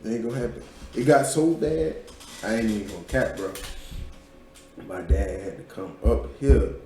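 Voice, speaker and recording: A man's voice: on the low side, expressive, normal speed, vocal fry, dark tone, echoey room. A man hosting a podcast, telling loose, profane stories in casual chat. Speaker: podcast host.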